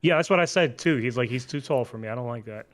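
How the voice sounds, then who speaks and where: A man with a Russian accent in a casual gaming chat, relaxed and full of questions. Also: mid-range voice, fast talker. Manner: relaxed, asks lots of questions.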